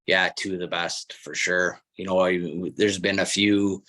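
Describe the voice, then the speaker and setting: Low-voiced man telling stories. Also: unhurried. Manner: relaxed storytelling with frequent restarts. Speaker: guest, former hockey player and coach. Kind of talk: casual podcast chat.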